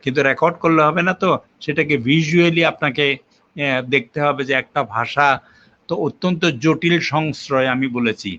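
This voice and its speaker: Older professor lecturing patiently, lo-fi. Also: male voice, fairly high pitch, normal speed, bright, forceful tone. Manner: patient, lecturing with examples and fillers. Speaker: linguistics professor. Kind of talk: explanatory academic interview. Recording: muffled lo-fi recording.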